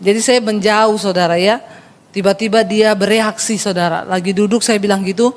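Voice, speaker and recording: A woman's voice: medium pitch, fairly even intonation, moderate pace, big-room sound, a little hiss or hum. A woman pastor preaching a sermon, telling funny stories and speaking directly to her congregation. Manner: humorous storytelling, acts out dialogue.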